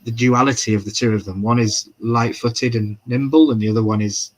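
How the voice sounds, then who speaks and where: A man in the middle of his pitch range hosts a casual live-stream, recapping an episode in loose, chatty fashion. He swears freely and breaks off to answer viewers' comments. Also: steady tone, brisk. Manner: chatty and profane, reads chat aloud.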